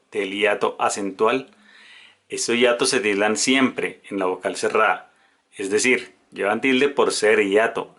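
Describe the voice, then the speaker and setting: A man teaching a grammar lesson in a video, reading out example words slowly and deliberately. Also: lowish voice, a bit bright. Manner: slow, deliberate word-by-word dictation of examples.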